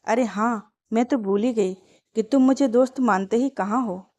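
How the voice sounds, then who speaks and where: A woman's voice: on the high side, normal speed, darkish tone, natural voice. A woman voicing a grieving, resentful young wife in a storybook tale. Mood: bitter.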